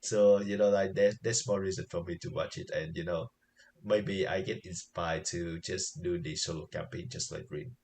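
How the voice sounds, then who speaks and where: A man co-hosting a podcast, talking casually about anime in a halting way, with many fillers and quick agreements. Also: low-pitched, fairly even intonation, gravelly, darkish tone, slight background noise. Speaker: podcast co-host. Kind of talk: casual chat reviewing anime.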